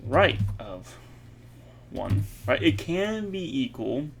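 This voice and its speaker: A man thinking aloud while he codes, halting and correcting himself, with many fillers. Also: medium pitch, sing-song, vocal fry, slight background noise. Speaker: programmer streaming his coding practice. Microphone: earbuds mic.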